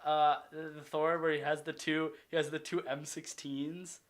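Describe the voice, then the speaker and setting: Young male co-host, bright and slightly high voice, easygoing and slangy. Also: flat delivery, moderate pace. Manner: laid-back, laughs often, slangy. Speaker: podcast co-host. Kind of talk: casual chat.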